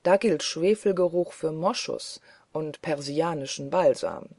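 A reader voicing a mocking, defiant male prisoner in an audiobook, loud and taunting. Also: medium pitch, unhurried, dry recording. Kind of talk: audiobook character voice.

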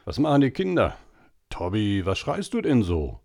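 A man's voice: on the low side, big pitch swings, moderate pace, creaky, a little mellow, full character voice. A man voicing a jovial middle-aged uncle on a visit, in an audiobook story. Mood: hearty.

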